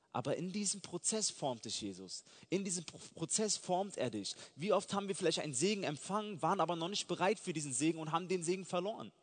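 A man preaching a sermon in an earnest, fervent way that builds to emphatic peaks. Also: on the high side. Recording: long hall reverb.

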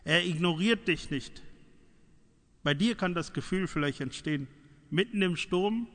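A man preaching a sermon, emphatic, slowing down to repeat key lines. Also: fairly high pitch, fairly bright tone. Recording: long hall reverb.

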